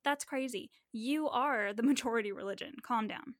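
A woman co-hosting a podcast in casual chat, animated and swearing freely. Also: fairly high pitch, normal speed, no room sound, studio quality. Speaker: podcast co-host.

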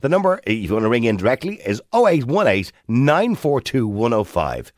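A man's voice: mid-range voice, big pitch swings, brisk, no room sound, clean studio sound. A man with an Irish accent presenting a radio phone-in conversationally, putting questions and repeating phrases for emphasis. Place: radio studio. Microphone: close studio microphone.

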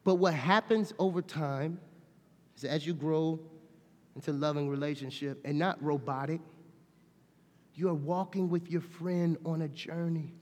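A middle-aged pastor with a fairly high voice preaches in a church whose long reverb trails every phrase. He talks like he's chatting with friends, sinking low and soft, then surging loud and lively. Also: unhurried, pauses often. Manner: conversational, swings from quiet to loud and animated. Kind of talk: sermon. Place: church sanctuary.

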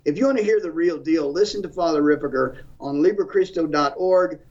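Man, fairly high voice, fiery preacherly commentator, heard from off-mic on dull audio. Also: fairly quick, recorded from a distance. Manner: forceful, preacherly, repeats phrases for emphasis. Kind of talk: impassioned talk-show commentary.

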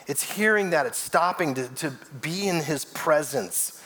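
A man's voice: on the high side, lively intonation, measured pace. A man, a lead pastor, preaching a sermon in a conversational way and acting out the voices in the story. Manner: grows loud and emotional telling his own story.

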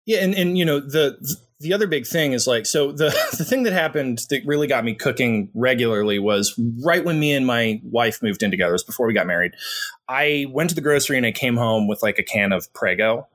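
A man's voice: medium pitch, animated, brisk, a bit bright. A young adult man talking casually about his own life, rambling and restarting his sentences, with lots of fillers. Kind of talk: casual conversation.

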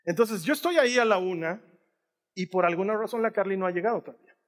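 A man in his fifties preaches with a high, bright-toned voice, turning the story into something lively and funny. He drives his points home through emphatic repetition. His words ring out with a long reverb in a large hall. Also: fast talker. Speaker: pastor. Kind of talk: sermon.

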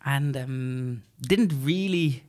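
A man's voice: mid-range voice, extremely slow, a little mellow. A young man from the Netherlands, a podcast guest speaking reflectively with many fillers and restarts. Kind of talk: podcast interview.

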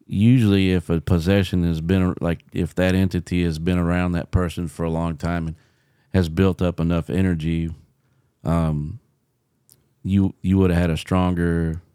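A man's voice: low-pitched, level tone, measured pace, mellow, clean tone, no room sound, studio quality. A man co-hosting a paranormal podcast, chatting in a folksy, conversational way and often repeating words. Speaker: podcast co-host, paranormal investigator. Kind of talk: casual chat.

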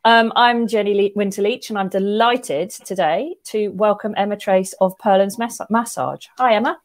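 A woman's voice: mid-range voice, normal speed. A British woman hosting a chatty interview, upbeat and welcoming, affirming what her guest says. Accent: British English. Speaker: podcast host.

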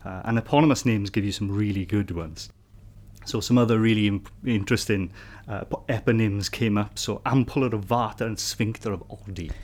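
A man's voice: fairly low pitch, brisk, darkish tone. A man co-hosting an anatomy podcast in a casual, chatty way, often tagging questions onto his remarks. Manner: chatty, asks rhetorical tag questions. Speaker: podcast co-host. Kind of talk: casual educational chat.

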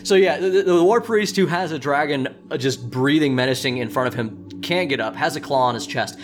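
A man's voice: fairly high pitch, fairly quick, soft background music. A man narrating a tabletop game as game master in a casual, improvised way.

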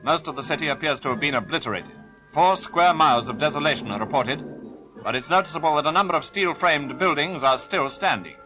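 A man's voice: on the high side, expressive, a little fast, music in the background, rough recording. A man narrating an old 1940s newsreel in a formal, stern, declaiming manner, played back from an archive soundtrack. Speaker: newsreel announcer.

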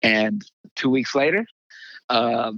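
An older man, a pastor, telling a personal testimony in halting conversational speech, acting out the voices he quotes. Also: medium pitch, a bit bright, dry recording, highs cut off. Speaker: pastor, guest.

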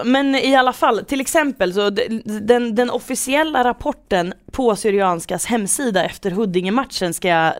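A woman's voice: mid-range voice, dry recording, clean studio sound. A woman hosting a football podcast, talking casually as she guides listeners through the show. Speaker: podcast host.

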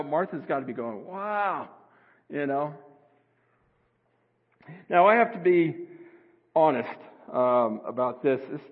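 Man, pastor, sermon, conversational and earnest, long echo of a hall, tinny narrow sound. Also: slightly rough. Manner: earnest, conversational preaching with sudden rises in pitch. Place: church sanctuary.

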